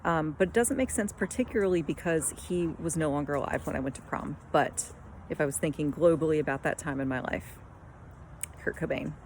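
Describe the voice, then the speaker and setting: A woman's voice: deep voice, a little fast, darkish tone, a little hiss or hum. A woman leaving a candid, self-deprecating video message for a friend.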